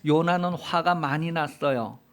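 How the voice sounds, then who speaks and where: A male pastor preaches in an animated, conversational manner as he retells a Bible story. His voice sits fairly high for a man, and the delivery is chatty and expressive. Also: measured pace. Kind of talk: sermon.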